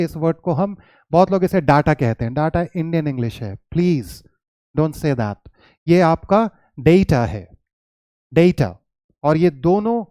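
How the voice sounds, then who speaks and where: An Indian man gives an English pronunciation lesson, patiently saying each word again slowly for his students. His voice sits fairly high but sounds mellow and soft. The recording is dry and close, with no room echo. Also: smooth. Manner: patient, repeats words slowly to model pronunciation; mixes Hindi with English words and phrases. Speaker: English teacher. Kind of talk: classroom lesson explanation.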